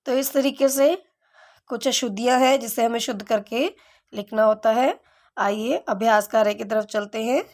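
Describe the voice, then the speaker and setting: A woman's voice: a little high, normal speed, darkish tone. A woman teaching a grammar lesson to children, explaining correct spellings and asking and answering her own questions.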